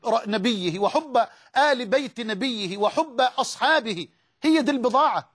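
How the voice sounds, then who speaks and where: High-voiced Egyptian preacher. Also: male voice, a bit bright. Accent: Egyptian Arabic. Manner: emotive, swearing oaths, mixing Quranic recitation with colloquial speech. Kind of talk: religious lecture on a TV channel.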